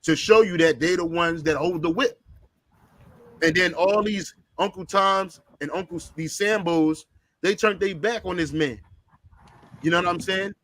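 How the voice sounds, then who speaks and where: A man talks with a fairly high voice and fervent, preachy conviction. He stumbles and repeats words as he pushes on, and the sound is close and dry. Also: moderate pace, a bit bright, no echo. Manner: preachy, repeats words when starting phrases. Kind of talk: fervent religious discussion.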